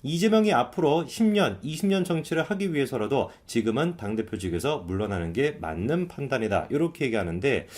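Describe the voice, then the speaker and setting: Man, live-stream political commentator, sarcastic, emphatic, rapid delivery. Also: medium pitch, animated, darkish tone. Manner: sarcastic, emphatic, rhetorical questions.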